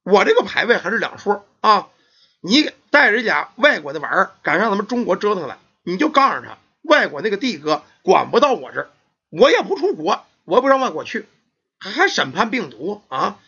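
A man's voice: high voice, very animated, a little fast, bright, forceful tone, breathy edge, muffled recording, heavily acted. A man voicing a vengeful weasel spirit that possesses a young woman, cursing and threatening in a storyteller's retelling. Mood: furious.

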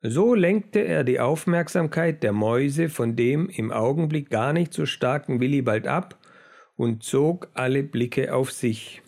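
A man reading a children's book aloud in a measured storytelling manner. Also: medium pitch, creaky, a little mellow. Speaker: narrator. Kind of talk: audiobook narration.

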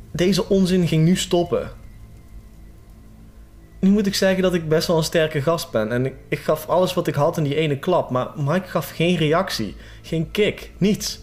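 A man narrating a scripted horror story in a steady, suspenseful manner. His voice sits somewhat high for a man, and faint music plays behind him.

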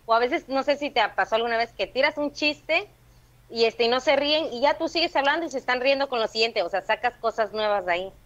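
Woman, Veracruz Mexican accent, comedian, animated storyteller, casual interview, dull lo-fi sound. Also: on the high side, quick pace. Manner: lively, intense storytelling with quoted asides. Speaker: stand-up comedian.

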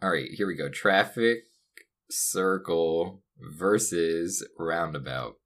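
Young male co-host, playful and mock-serious, bright tense tone, low-ish pitch. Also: slow pace. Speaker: podcast co-host. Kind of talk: casual comedic chat.

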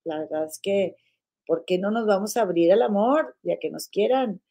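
A woman hosts a live-streamed podcast in a loose, chatty way. She talks warmly to her "comadres," sprinkles in diminutives, and often restarts her phrases. Her voice swings easily between loud bursts and quiet asides. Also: mid-range voice, moderate pace. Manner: chatty, affectionate, uses many diminutives and "comadre"; frequent fillers and restarts, animated swings in loudness. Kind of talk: casual live chat reading viewer comments.

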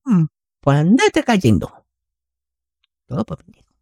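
A young man with a Mexican accent riffs in a casual, crude comedic monologue. His voice is gravelly and mellow, and it swings up and down in a lively way. The sound is dry and close. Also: high-pitched, a little slow, no room sound. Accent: Mexican Spanish. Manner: crude, joking, slangy.

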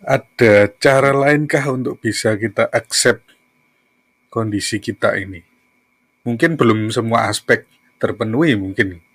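A man's voice: medium pitch, unhurried, a bit bright, breathy edge, no echo. A man moderating a live stream, posing a tentative, hedging question to the panel.

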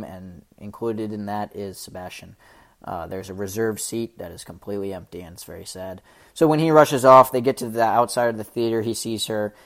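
A man giving casual, scene-by-scene film commentary, chatty and loose with lots of fillers. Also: fairly low pitch.

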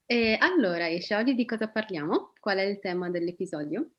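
A woman's voice: medium pitch, fairly quick. A woman co-hosting a podcast in casual conversation. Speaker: podcast co-host. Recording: dull lo-fi call audio.

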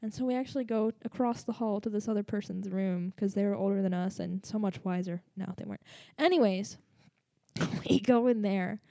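A woman tells a story in a loose, rambling way, with many fillers and asides. A slight lisp colours her speech, and her tone is mellow and dark. The sound is dry, with no room echo. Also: mid-range voice, brisk, gravelly. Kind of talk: casual storytelling.

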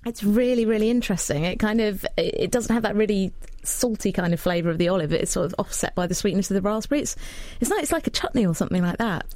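A woman co-presenting a radio science show, talking in a lively, playful way and thinking aloud as she goes. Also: medium pitch, fast talker, hardly any pauses, dry recording.

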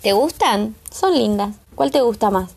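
A woman's voice: mid-range voice, animated, measured pace, gravelly, darkish tone, breathy edge, full character voice. A woman reading the part of an eager, curious teenage boy who keeps asking questions, with a Rioplatense Spanish accent.

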